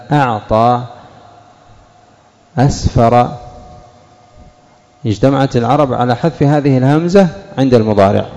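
Male grammar teacher, patient and repetitive, mellow voice, reverberant classroom. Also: mid-range voice. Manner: questions the class and repeats examples slowly. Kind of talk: classroom lesson with questions to students.

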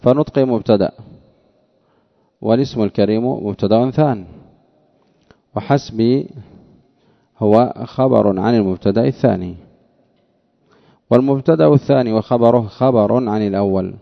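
Heard through dull, lo-fi audio, this grammar lecturer speaks at a normal speed in a creaky, medium-pitched voice with long pauses. He explains a text line by line, teaching didactically and repeating phrases for emphasis.

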